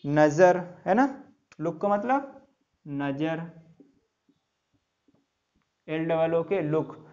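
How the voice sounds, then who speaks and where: High-voiced male teacher drilling a class. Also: darkish tone, lo-fi sound. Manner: repeats answers in call-and-response drilling; spells words out letter by letter. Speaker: English teacher. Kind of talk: classroom lesson.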